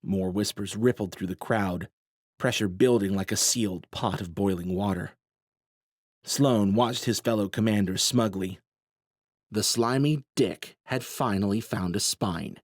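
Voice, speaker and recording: A man narrating a novel in a steady, measured way. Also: on the low side, no echo, clean studio sound. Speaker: audiobook narrator. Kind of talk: scripted narration.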